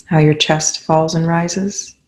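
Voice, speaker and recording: In a medium-pitched voice, a speaker guides a meditation with calm, unhurried, soothing instructions. Long pauses fall between them.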